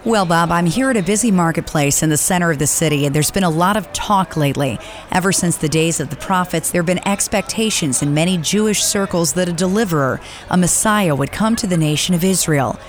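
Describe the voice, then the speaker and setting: An earnest field reporter, played by a woman in a mock news radio drama. She speaks at a mid pitch in a clear reporting manner. A faint hiss lies under her voice. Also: a little fast, close to an everyday voice.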